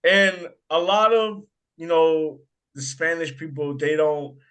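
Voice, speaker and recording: Young american man, animated storyteller, fairly high voice, casual host. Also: slow pace, clear, resonant tone. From United States. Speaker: podcast host. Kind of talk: casual chat.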